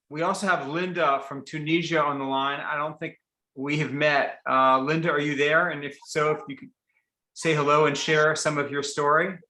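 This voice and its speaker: A man hosts a video call in a relaxed way, with plenty of fillers. His voice is bright and slightly high for a man, and the room around him echoes. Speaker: host of the call.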